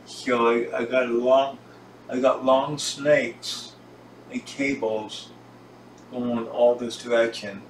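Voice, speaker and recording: A man with a medium-pitched, steady voice gives a relaxed, halting tour of his home recording gear while filming indoors, his slow speech coming out in little pieces. The tripod camera captures him from afar, producing an echoey, distant sound with a faint hissy background.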